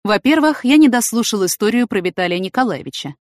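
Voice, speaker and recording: A woman's voice: a little high, lively intonation, quick pace, no echo, studio quality, lightly acted. A woman voicing a composed, confident young man who speaks firmly and evenly. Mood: reproachful.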